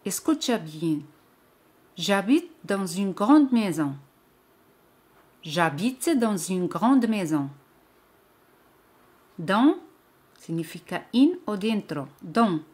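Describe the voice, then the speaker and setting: A woman teaching French vocabulary in a slow lesson, repeating each word clearly. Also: medium pitch, very animated, darkish tone.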